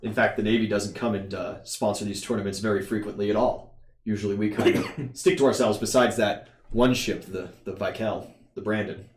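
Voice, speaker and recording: A man playing a self-important tournament official in a tabletop game, speaking in a measured, formal, hesitant way. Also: on the low side, steady tone, close to an everyday voice. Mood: hedging, obliging. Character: male tournament official, stuffy, hedging, self-important dignitary. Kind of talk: tabletop role-play. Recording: roomy echo.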